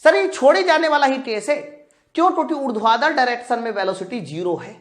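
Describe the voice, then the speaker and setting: This is a live exam-prep physics lesson where a woman with a fairly high voice works through practice questions step by step at a quick pace. She speaks informally and directly to her students, posing questions and answering them herself.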